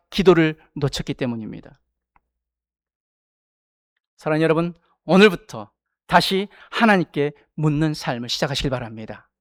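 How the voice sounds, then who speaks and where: A male pastor delivers a sermon in a high-set voice with an animated, swooping pitch. He drives his points with stacked parallel statements and questions to the congregation. The sound is close and dry, with little room echo. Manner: rhetorical preaching with repeated parallel phrases and questions to the congregation. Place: church sanctuary.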